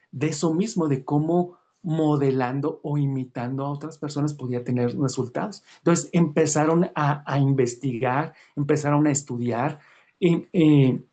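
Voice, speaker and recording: A man's voice: fairly high pitch, mellow. Man telling a lecture story. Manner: storytelling, frequent "¿verdad?" tags and restarts. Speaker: course instructor. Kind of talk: online class lecture.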